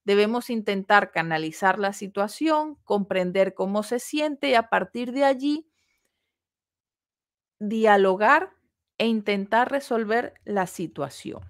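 A woman giving a recorded course lecture, explaining steps in a measured way with pauses and rhetorical questions. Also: medium pitch, animated. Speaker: course instructor. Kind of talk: recorded lecture on customer service.

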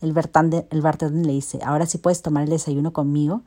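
A woman's voice: deep voice, little pitch movement, quick pace, warm tone. A woman telling a dramatic love story, moving between narrator and first person.

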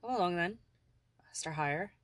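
An audiobook narrator voicing an elderly Irish manservant with a gravelly voice and polite, old-fashioned speech. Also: medium pitch, normal speed, a bit bright, dry recording, close to an everyday voice. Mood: courteous. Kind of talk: audiobook character voice.

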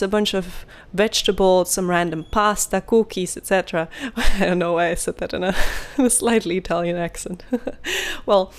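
Giggly woman hosting a podcast. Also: mid-range voice. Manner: lively, giggly storytelling. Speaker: podcast host. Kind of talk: scripted narration.

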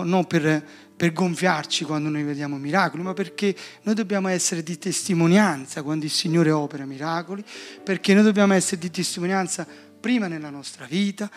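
Impassioned Italian male preacher, high voice. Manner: impassioned preaching with repeated refrains and calls to the listener. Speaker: pastor. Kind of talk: sermon.

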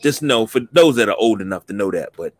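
A man's voice: fairly low pitch, expressive, fairly quick, dry recording. Dry-sounding male host chatting casually. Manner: folksy, jokey storytelling. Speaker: podcast host. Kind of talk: casual chat.

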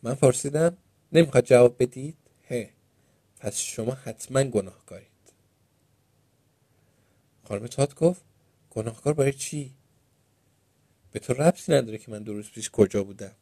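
A man reading a children's storybook aloud in the first person, with a Persian accent and a lively, playful delivery. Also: medium pitch, long pauses, dry recording. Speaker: narrator.

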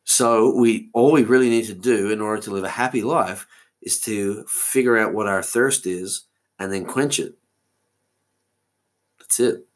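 A man's voice: fairly low pitch, unhurried. A man in his forties, hosting a solo podcast and musing aloud in a meandering way, often losing his thread. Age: 40s. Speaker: podcast host. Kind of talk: solo rambling monologue.

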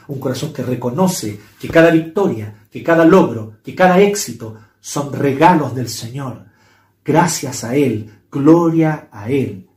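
A pastor in mid-sermon, a man whose voice sits on the higher side. He preaches with emphasis and repeats key phrases for weight. The sound carries an echo from the room around him. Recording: echoey room.

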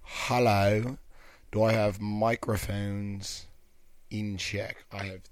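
A man's voice: fairly low pitch, level tone, slow pace, dry recording. A man hosting his own podcast from a recording booth with two studio microphones. He chats casually and upbeat, and often checks in with "you know what I'm saying.". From California. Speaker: podcast host. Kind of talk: casual solo podcast monologue. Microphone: two studio microphones, switching between them.

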